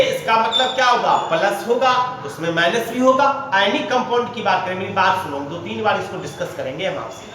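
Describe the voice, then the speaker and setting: High-pitched male teacher in echoey hall. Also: sharp tone. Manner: repetitive, asks and answers his own questions. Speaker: chemistry teacher. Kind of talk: classroom lecture to students. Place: classroom. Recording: echoey hall, mic far off, faint ambience.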